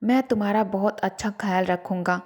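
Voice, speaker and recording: A woman's voice: medium pitch, fairly even intonation, moderate pace, lightly acted. A woman voicing an abusive, domineering young husband who barks orders. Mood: coaxing. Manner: shouting, domineering.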